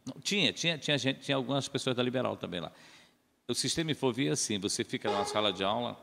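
Casting note: gravelly radio announcer, podcast guest, chatty storyteller, reverberant room. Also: male voice, medium pitch, quick pace, background noise. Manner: rambling, animated storytelling. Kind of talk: casual storytelling.

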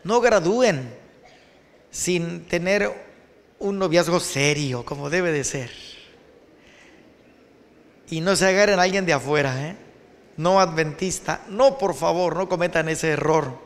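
Animated Mexican pastor preaching to students, high voice, big echoing auditorium. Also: male voice, a little slow, pauses often. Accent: Mexican Spanish. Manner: animated, addresses students directly. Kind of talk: sermon.

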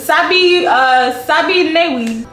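Sassy young American woman guest, a bit high, roomy echo, faint noise. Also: slow, loud music behind the voice. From United States. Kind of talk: casual chat.

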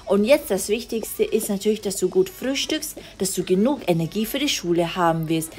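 A woman voicing a caring, gentle father in an animated story, speaking softly and reassuringly. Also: medium pitch, normal speed, natural voice.

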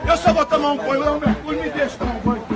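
An older man pleading desperately and repeating himself, in a very high strained voice. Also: very fast, faint music behind. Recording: phone video outdoors with crowd and noise.

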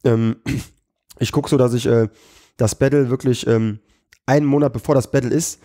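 A man's voice: mid-range voice, steady tone, normal speed, mellow. A man being interviewed as a comedian and battle rapper, talking casually in a slangy way full of fillers and restarts.

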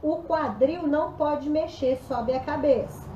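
A woman's voice: high-pitched, a little slow, roomy sound, lo-fi sound, noisy background. A woman teaching a live pilates class at home, counting reps aloud while exercising and getting out of breath, her voice faltering. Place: room at home.

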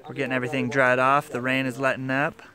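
This thirties-aged man talks fast in a mid-range voice with a completely flat delivery. Even so, his casual vlog narration is upbeat and chatty as he hikes a long forest trail, filming himself on a handheld camera held at arm's length.

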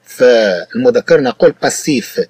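A man's voice: mid-range voice, lively intonation, moderate pace, darkish tone, husky, dry recording. A man with a Moroccan Arabic accent, teaching a French lesson patiently, repeating points and checking that the student understands. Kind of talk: explanatory tutoring lesson.

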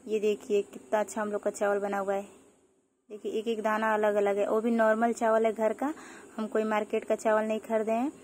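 A woman with a slightly high, darkish voice hosts her home cooking channel, filmed on a phone in her kitchen, with a faint hiss or hum in the audio. She talks through each step of the casual tutorial in a chatty, repetitive way as she cooks.

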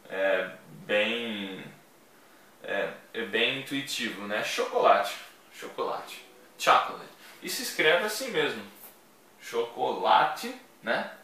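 A man teaching English vocabulary in a chatty video lesson, repeating each word slowly for his learners. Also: medium pitch, pushed and bright. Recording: echoey room, voice from a distance.

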